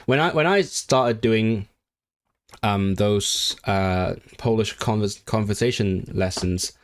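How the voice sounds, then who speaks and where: A man's voice: on the low side, slow. Man chatting casually on a livestream. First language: not English. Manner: musing, answers viewer comments. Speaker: language-learning streamer.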